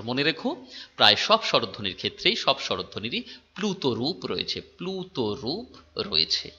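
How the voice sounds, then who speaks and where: A man's voice: mid-range voice, sharp tone, dull audio, slight background noise. A male teacher giving a lecture, repeating key terms, checking with his students and drawing out sounds to demonstrate them. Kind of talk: phonetics lecture.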